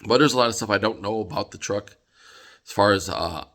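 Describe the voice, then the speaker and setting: A man's voice: on the low side, a little fast, a bit bright. A tired man vlogging casually about a truck, rambling with many fillers and restarts. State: tired, yawning. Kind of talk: casual vlog talk.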